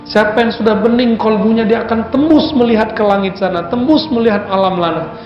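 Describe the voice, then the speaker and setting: A man preaching a sermon in a lively, conversational way, often putting questions to his audience. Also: high-pitched, a little fast, echoey room, muffled recording, faint music behind. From Indonesia.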